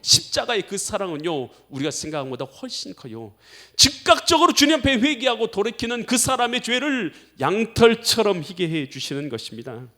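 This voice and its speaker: A middle-aged pastor delivers an emphatic sermon in a fairly high voice. His pitch swings widely as he presses his points. He keeps addressing the congregation directly and slips into spoken prayers. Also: expressive, brisk, pushed and bright.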